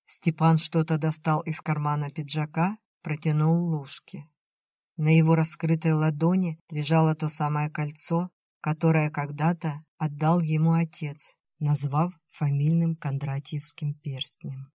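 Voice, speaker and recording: A man reading a novel aloud in an even, measured storytelling voice. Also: fairly high pitch, no room sound, clean studio sound. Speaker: audiobook reader. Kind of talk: scripted narration.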